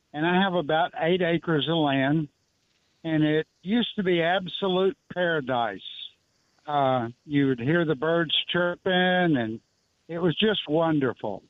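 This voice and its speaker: A man's voice: on the high side, no room sound. A man in his seventies calling in to a radio show over a tinny phone line, telling his story in a plain-spoken, rambling way. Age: 70s. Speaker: caller. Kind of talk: call-in radio question. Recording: dry, narrow-band phone call.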